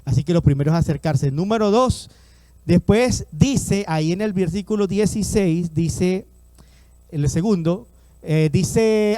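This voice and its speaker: A Latin American male pastor preaches an emphatic sermon, repeating lines, calling on the congregation to echo his words and respond, and acting out the voices in his stories. His voice sits high and mellow, with no room sound.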